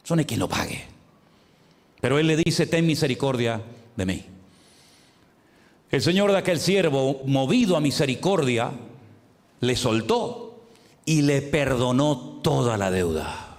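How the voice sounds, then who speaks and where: A man preaches in a church, his voice carrying a long echo through the hall. He builds each point with rising emphasis and throws rhetorical questions to his listeners. His pitch sits in a middle register. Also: animated, measured pace, long pauses. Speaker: pastor. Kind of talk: sermon.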